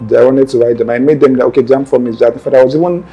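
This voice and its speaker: Husky and medium in pitch, a young man's voice keeps a steady tone while racing through his life story as an interview guest. He has a Nigerian accent and tells it earnestly and meanderingly, often circling back to fix what he said, in a conversational storytelling style. The audio sounds dull, and soft music plays in the background.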